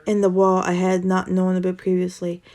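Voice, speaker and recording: Gravelly, low-voiced woman reading horror. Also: moderate pace. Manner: steady storytelling, occasional tongue-tied slips. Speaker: horror story narrator. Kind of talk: first-person horror story reading.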